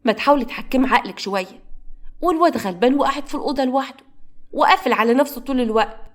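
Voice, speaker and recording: A woman's voice: sits high, racing, natural voice. A woman with an Egyptian accent voicing a coaxing, protective middle-aged mother in a spoken story.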